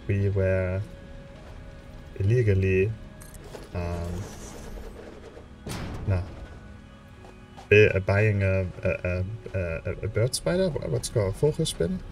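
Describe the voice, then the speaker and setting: A young man with a German accent, a let's play streamer, gives relaxed commentary on the game he's playing and chats, full of hesitant fillers and restarts. His low voice is slow with long pauses. He is recorded from a distance, with music in the background.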